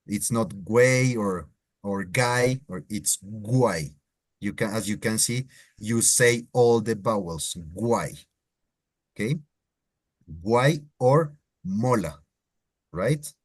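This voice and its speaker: A Latin American man teaching Spanish slang in a live online lesson, explaining slowly with drawn-out vowels. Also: on the low side.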